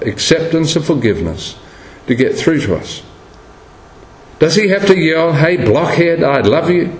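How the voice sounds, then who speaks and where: A man preaching a sermon, telling stories and acting out the voices of the people in them. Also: mid-range voice. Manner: storytelling, acts out quoted voices. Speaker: pastor. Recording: echoey room with faint background noise.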